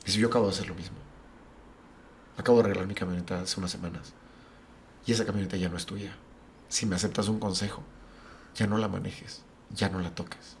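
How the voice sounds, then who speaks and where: In a low, gravelly voice, a middle-aged pastor on a podcast tells a personal story briskly but with long pauses, animatedly acting out what family and friends said. A little hiss or hum is audible.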